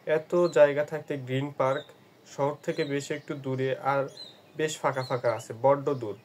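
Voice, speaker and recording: A man's voice: medium pitch, steady tone, normal speed, a little mellow, slight background noise, lightly acted. Teasing, affectionate young woman in a storybook reading, voiced plainly by a male narrator. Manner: teasing and tender.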